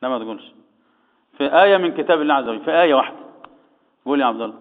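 Fast-talking Egyptian Quran teacher, echoey. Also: male voice, medium pitch, expressive. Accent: Egyptian Arabic. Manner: asks the class questions and answers them himself. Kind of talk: tajweed lesson, quizzing students. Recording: echoey, tinny phone-like sound.

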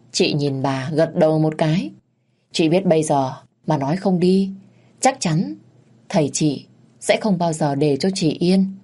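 A woman narrating a story in a calm, measured way. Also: sits low.

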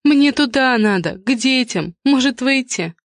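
A woman's voice: high voice, animated, measured pace, no echo, voice pushed up. A frantic middle-aged mother, as a woman reader plays her pleads and moans in a raised voice. The reading is close and dry. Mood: anguished. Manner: pleading, moaning.

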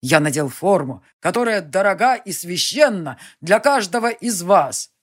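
A woman voicing a fiery male leader who rouses a crowd with slow, solemn, declamatory speeches. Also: lowish voice, very animated.

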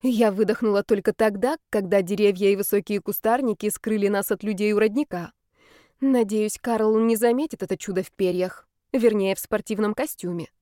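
A woman's voice: mid-range voice, fairly even intonation, fairly quick, warm tone, no echo, clean studio sound. Woman reading a novel aloud. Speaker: audiobook narrator. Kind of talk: first-person novel narration.

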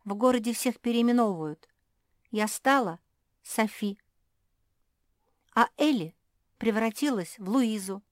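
A woman voicing a sly, sulky female dog in a storybook, pitched up and whiny. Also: a little slow, long pauses, dry recording, studio quality, lightly acted. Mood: complaining.

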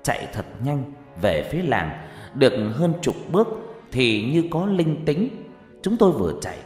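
A man narrating a horror story, shifting between hushed and shouting. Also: mid-range voice, sing-song, normal speed. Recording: echoey room with faint music.

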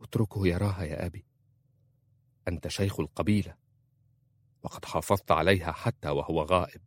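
A man voicing a proud, sharp-tongued young Bedouin woman who answers with bitter, cutting retorts in a storybook reading. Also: deep voice, fairly quick. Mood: soft.

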